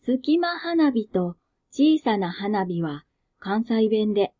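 Slow, mellow-voiced Kansai woman. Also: mid-range voice, big pitch swings. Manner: slow, soft, self-mocking. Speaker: narrator and host of a reading channel. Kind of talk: reading flash fiction aloud, then casual chat.

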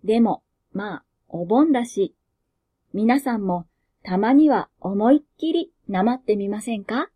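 Slow, mellow-voiced Kansai woman. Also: medium pitch, lively intonation, breathy edge. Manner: slow, soft, self-mocking. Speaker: narrator and host of a reading channel. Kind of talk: reading flash fiction aloud, then casual chat.

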